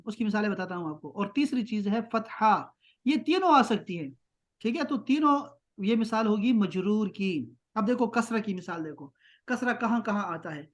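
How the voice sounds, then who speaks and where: A man teaching an online grammar class. He keeps checking that students follow and slows right down to spell out terms. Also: high-pitched. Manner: patient, keeps checking with "ٹھیک ہے؟".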